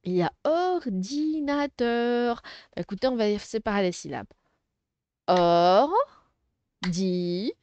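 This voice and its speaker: A woman teaching a first-grade phonics lesson, speaking slowly and articulating syllables clearly, encouraging young pupils. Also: on the high side, animated, darkish tone, dull audio. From Arabic-speaking background.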